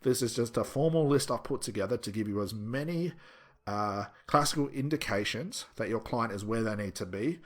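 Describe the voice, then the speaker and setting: A man's voice: medium pitch, lively intonation, moderate pace. A man with a mid-range voice speaks as an instructor explaining a method to students. His delivery is conversational but emphatic, and he circles back to drive key points home. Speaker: hypnosis instructor.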